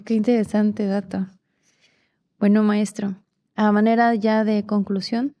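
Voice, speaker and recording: A woman interviewing a guest, polite and measured as she poses her question. Her voice has a gravelly edge and a warm, dark tone. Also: medium pitch.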